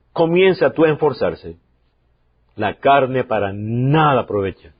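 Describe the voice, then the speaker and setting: A man preaching a sermon as pastor, emphatic, repeating key lines and swinging from loud to quiet. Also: high voice, lo-fi sound. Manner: emphatic preaching, repeats key phrases, varies loudness sharply.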